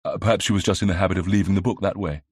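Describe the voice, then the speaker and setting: A man's voice: low-pitched, steady tone, rapid-fire, a little mellow, slightly rough, dry recording, clean studio sound. A man voicing a spirited young 1920s English lady in an audiobook, prim and easily cross. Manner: huffy, prim. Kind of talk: audiobook character reading.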